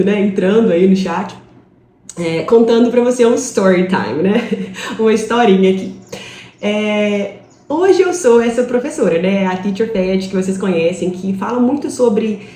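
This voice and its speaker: A woman's voice: on the high side, warm tone, reverberant, slight background noise. Chatty Brazilian woman teaching English. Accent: Brazilian Portuguese. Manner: chatty storytelling, frequent tag questions. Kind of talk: live online class.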